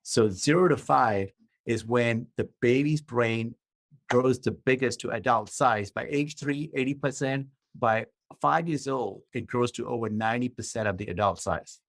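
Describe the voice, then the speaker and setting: At a moderate pace and in a mid-range voice, a middle-aged man from Malaysia speaks with no room sound. As a guest author and coach on a podcast interview, he presents his ideas in a structured manner, often checking in with "right?".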